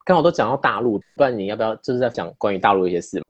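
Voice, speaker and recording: Woman co-host, deep husky voice, quick teasing chat. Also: expressive, no echo, highs cut off. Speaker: podcast co-host. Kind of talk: casual chat.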